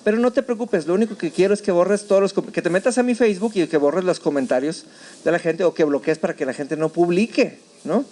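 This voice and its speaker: Male Mexican pastor, high register, animated storyteller who acts out his own shouts. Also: fast talker. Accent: Mexican Spanish. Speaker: preacher. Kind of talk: sermon testimony. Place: church.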